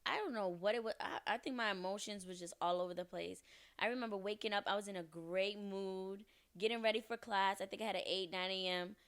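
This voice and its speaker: A woman's voice: mid-range voice, fairly even intonation, a little fast, a bit bright, clear, resonant tone. A woman in her twenties, a podcast guest, telling a story casually and acting out the quoted lines.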